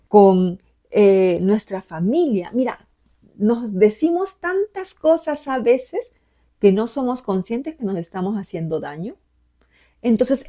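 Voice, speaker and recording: A woman life coach giving a motivational talk to camera in a gentle, encouraging way, asking many rhetorical questions. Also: mid-range voice.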